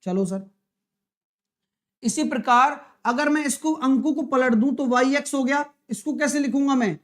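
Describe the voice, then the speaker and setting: A man with a very high-pitched voice and a steady tone hosts a live online maths class for exam prep. He chats and cajoles, constantly throwing quick questions to his students.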